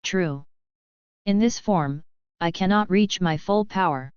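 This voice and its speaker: A woman voicing a cold, commanding armored dark lord in a fan-fiction audio story, in a calm, assured manner. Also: on the low side, slow, smooth, dry recording. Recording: slightly dull, dry recording.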